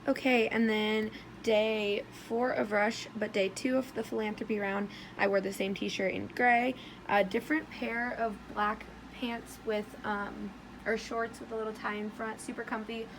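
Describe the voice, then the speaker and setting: A young American woman chatting casually in a vlog with bubbly sorority-girl energy, her voice hoarse as if she is losing it. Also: a little high, little pitch movement, a little slow, a little hiss or hum, poor audio. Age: young adult. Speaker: vlogger.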